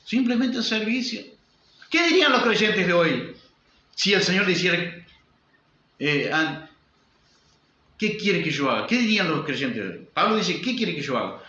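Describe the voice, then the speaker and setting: Delivering a sermon in a Uruguayan Spanish accent, this pastor speaks in a high, sharp voice with big pitch swings, a moderate pace, and long pauses. He preaches with emphasis, repeating himself and posing rhetorical questions, captured in roomy, dull lo-fi sound.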